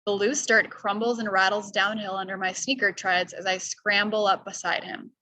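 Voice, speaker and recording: A woman reading a novel aloud to students, clearly and with pauses to explain what she reads. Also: mid-range voice, little pitch movement, pushed and bright, dry recording, poor audio. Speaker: reader.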